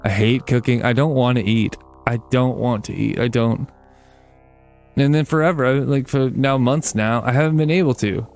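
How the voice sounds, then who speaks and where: A man's voice: medium pitch, normal speed, vocal fry, a little mellow, soft background music. A man rambling casually while playing a game, swearing freely and making fun of himself. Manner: rambling, swears a lot, self-deprecating. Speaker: let's play gamer.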